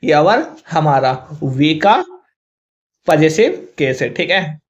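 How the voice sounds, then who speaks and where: A man's voice: on the high side, very animated, takes it slowly. A male teacher with a Hindi accent explains confused English words to students, spelling them out letter by letter. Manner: spells words out letter by letter, often says 'thik hai'. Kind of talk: vocabulary lesson to students. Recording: dull lo-fi recording.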